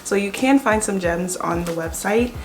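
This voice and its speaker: A woman's voice: medium pitch, normal speed, soft background music. A young woman chatting casually to her viewers about home decor finds, enthusiastic and informal. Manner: chatty, enthusiastic, addresses viewers as "you guys". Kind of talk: casual vlog chat.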